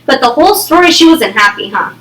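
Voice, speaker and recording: During a think-aloud lesson, a young woman works with a small reading group, constantly checking in with "okay?" and "right?". She speaks fast in a high, expressive, fairly bright voice. The mic is distant in an echoey room, with slight background noise.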